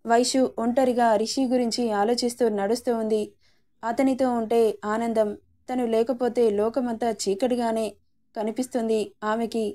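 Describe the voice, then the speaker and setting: A woman storyteller reading a romance serial aloud in a steady storybook manner. Her voice sits a little high and has a mellow, warm tone. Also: normal speed.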